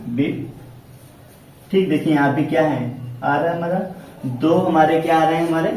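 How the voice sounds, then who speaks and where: A male teacher explaining English pronunciation to a class, repeating himself, asking questions and answering them, sometimes stretching his words slowly. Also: a little high, a little mellow, a little hiss or hum. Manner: repetitive, asks and answers his own questions. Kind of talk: classroom lesson. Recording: echoey classroom from far off.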